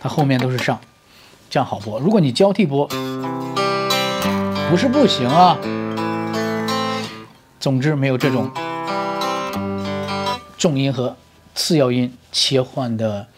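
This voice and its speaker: With guitar playing in the background, a man explains an electric guitar lesson step by step, drawing everyday comparisons and regularly asking the learner "right?" His voice is medium-pitched, his speed normal, and he pauses often.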